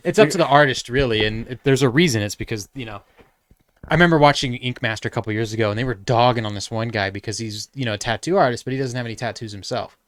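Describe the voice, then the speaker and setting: A man in rapid podcast banter who likes to tell stories and act out what others said. His voice sits at a mid pitch and sounds dry and close. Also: a bit bright, no room sound. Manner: tells stories, acting out quoted people. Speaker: podcast co-host. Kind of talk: casual chat.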